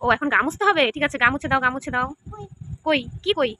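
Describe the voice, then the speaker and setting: A woman's voice: high-pitched, fast talker, pushed and bright, slight background noise. A woman playing with a small child, using coaxing, sing-song baby talk full of questions. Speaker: caregiver playing with a toddler.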